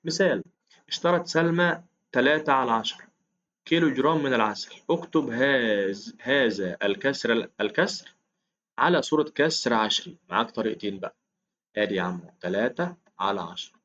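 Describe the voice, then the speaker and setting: Fast-talking Egyptian man teaching math. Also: medium pitch, animated, a bit bright, highs cut off. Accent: Egyptian Arabic. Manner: chatty, coaxing, counts aloud, calls listener "ya 3am". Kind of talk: casual explained lesson.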